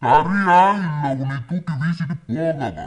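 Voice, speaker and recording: A man's voice: on the high side, measured pace, very noisy, close to an everyday voice. An actor playing a threatening young male robber who makes blunt demands. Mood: menacing.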